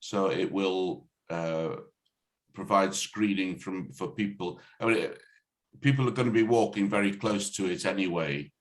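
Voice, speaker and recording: Man, low-pitched voice, planning officer, formal meeting report, hesitant, many false starts, video call. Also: measured pace. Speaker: planning officer presenting to committee.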